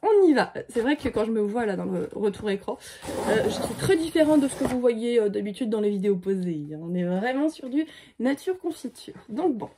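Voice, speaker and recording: A young woman with a high, bright-toned voice talks casually to her phone camera at home, chatty and playful. Her book vlog chatter tips into excited squeals. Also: fairly quick, slight background noise. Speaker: book vlogger. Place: at home, indoors.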